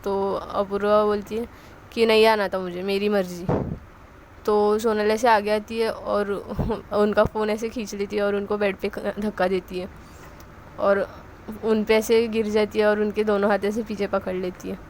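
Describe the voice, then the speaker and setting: A woman's voice: mid-range voice, level tone, a little mellow, slight background noise, rough recording. Young woman casually retelling a story. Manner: narrates quickly, quoting each character in turn with fillers.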